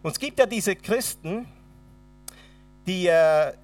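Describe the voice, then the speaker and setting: Speaking slowly but with animation, a high-voiced man with a Swabian accent delivers a sermon while soft music plays in the background and the mic sits at a distance. He shares his personal testimony, dramatically performing the dialogue as he tells it.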